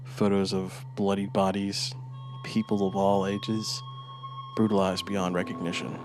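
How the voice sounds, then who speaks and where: Man, deep voice, dramatic horror narration, faint music underneath. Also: flat delivery, unhurried. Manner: dramatic, shifting between hushed menace and eager swells. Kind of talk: scripted horror story narration.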